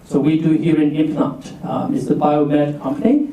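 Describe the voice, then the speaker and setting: A man's voice: fairly high pitch, little pitch movement, normal speed, phone-quality sound. Man speaking in an echoey hall. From Burma. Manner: chatty, quizzes the audience for raised hands. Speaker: workshop speaker, leadership coach. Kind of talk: casual presentation to students. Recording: echoey room from far off.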